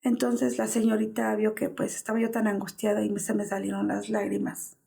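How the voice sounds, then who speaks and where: A woman's voice: mid-range voice, completely flat delivery, fairly quick, vocal fry, dark tone. A woman in her fifties with a Mexican Spanish accent, giving an interview as the mother of a missing man and telling an anguished story that acts out the dialogue. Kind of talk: personal testimony in an interview.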